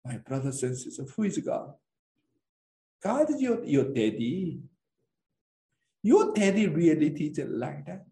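Slow gravelly preacher, broken english, pleading hard, pitch swings all over, echoey hall. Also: wildly swooping pitch, warm tone. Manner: broken non-native English, pleading and emphatic. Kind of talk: impassioned sermon. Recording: echoey room.

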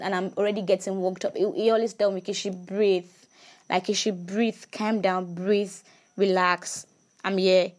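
A woman's voice: medium pitch, warm tone. A woman giving a casual faith talk to her viewers, emphatic, repeating words and asking rhetorical questions.

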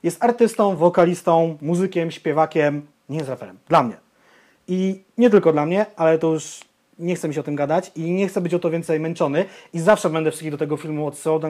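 A young man co-hosting a podcast, blunt and opinionated, ranting and swearing in casual chat. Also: on the high side. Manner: blunt, swears, ranty and animated. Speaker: podcast co-host.

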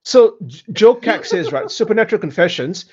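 A man with a husky, somewhat high voice co-hosts a panel. He argues casually and emphatically, often adding 'right?'. The audio is dull and band-limited. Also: lively intonation, a little fast, darkish tone. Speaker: panel host. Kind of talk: casual analytical chat.

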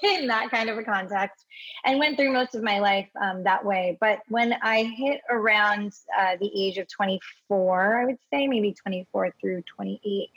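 A woman in her thirties from Hawaii talks as an interview guest at a middle pitch. She is chatty and checks in with "right?" and "you know" as she tells her story. The audio sounds slightly dull and lo-fi. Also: a bit bright. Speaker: podcast guest.

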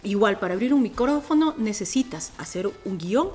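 A woman with an Ecuadorian accent and a deep, strong voice chats at a moderate pace on a casual podcast, being interviewed as a radio presenter. She tells stories in an animated, colloquial way while music plays behind her.

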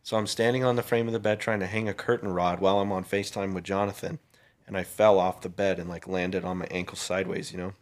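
A young man hosting a podcast, telling stories in an animated way and saying "dude" a lot. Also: deep voice, quick pace. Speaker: podcast host. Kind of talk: casual chat.

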